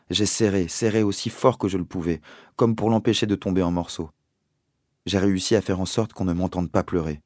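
Deep-voiced man reading a story aloud. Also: darkish tone, no echo, studio quality. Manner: measured, deliberate storytelling. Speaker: narrator. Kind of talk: audiobook reading.

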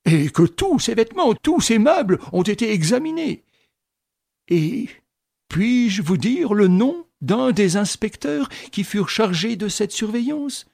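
A man's voice: high voice, gravelly, darkish tone, slightly rough, no echo, studio quality, voice pushed up, full character voice. A man reading aloud and voicing an old army general who presses his case with emphatic, raised delivery. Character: old male army general, insistent and proud.

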